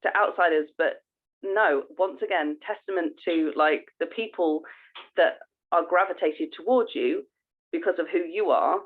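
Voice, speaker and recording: A woman co-hosts a podcast, chatting casually with earnest, effusive energy. Her voice is fairly low and unhurried, and the call audio sounds tinny and phone-like.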